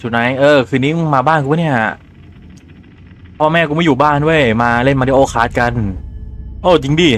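Over slight background noise, a Thai-accented man with a mild cold and phlegm in his throat talks through a horror game at a normal speed, pausing often in a mid-range voice. He's a gaming YouTuber doing casual let's-play commentary, chatty and swearing freely while voicing the game's lines himself.

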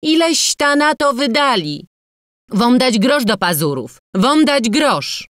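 A woman voicing a gray-haired peasant widow and mother who shouts and scolds loudly. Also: medium pitch, big pitch swings, normal speed, no room sound, studio quality, voice pushed up, natural voice. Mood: scolding.

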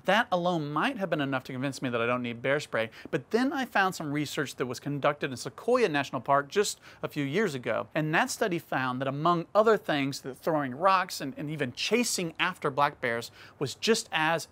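Chatty outdoors vlogger man, fairly high. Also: fairly bright tone. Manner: conversational, addresses viewers directly. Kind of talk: casual storytelling to camera.

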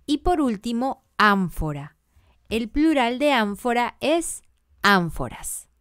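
A woman gives a grammar lesson at an unhurried, measured pace, listing examples one by one. Her voice is smooth and resonant, recorded close and dry with no room sound. Her pitch sits in a middle range. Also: sing-song, fairly bright tone, no room sound. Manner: deliberate, spells out letters and lists examples one by one. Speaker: teacher. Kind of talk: slow scripted grammar lesson.

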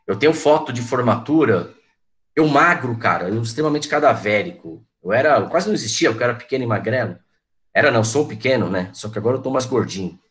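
A man's voice: medium pitch, animated, fast talker, fairly bright tone. A man in his forties, a teacher chatting to his online class, reminiscing and calling on students by name. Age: 40s.

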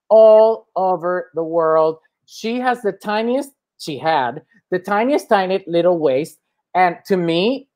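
A man's voice: sits high, darkish tone. Playful Spanish-accented male host. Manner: playful, rambling, theatrical. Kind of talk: casual chat show.

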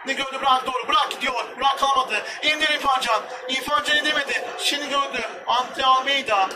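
A young man commentating his football video game, shouting and swearing in frustration at his players. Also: extremely high pitch, steady tone, fairly quick, far from the mic, noisy background. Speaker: gamer. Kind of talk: excited gameplay commentary.

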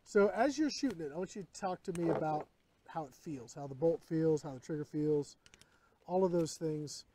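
A man's voice: a little high, moderate pace, noisy background. A middle-aged man hosting a casual airgun demo at an outdoor range, chatty and upbeat as he gives instructions. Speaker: airgun shop host demonstrating a rifle. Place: open-sided tent at an outdoor desert range.

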